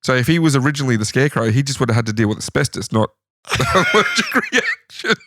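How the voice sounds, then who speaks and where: An Australian man leads a casual podcast chat, walking his co-host through trivia at an easy middle pitch. The room sound is dry, with the mic close. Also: very fast, no room sound. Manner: storytelling, recounting trivia from notes.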